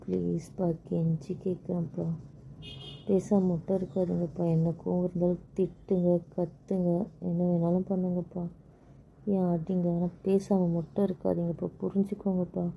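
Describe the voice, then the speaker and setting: A woman's voice: on the low side, little pitch movement, normal speed, vocal fry. A woman performing the wife in an amateur romantic audio drama, hurt and pleading. The recording is dull and lo-fi, with a faint hiss underneath.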